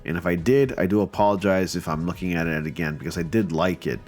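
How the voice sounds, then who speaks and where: Speaking fast in a deep, darkish voice, this man still sounds congested from a recent cold. Soft music plays as he chats enthusiastically about fans' photos, using plenty of fillers.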